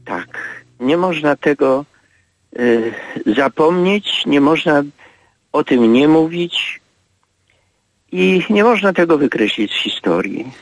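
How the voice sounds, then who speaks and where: A priest in his eighties giving a radio interview, speaking slowly and reflectively with halting pauses. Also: fairly high pitch, expressive, no room sound, rough recording. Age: 80s. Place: radio studio.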